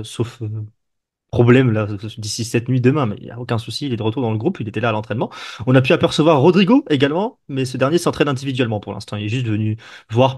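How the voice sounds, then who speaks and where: A man working as a correspondent, reporting football news in a brisk, matter-of-fact way. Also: mid-range voice, a little mellow. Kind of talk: casual chat, sports reporting.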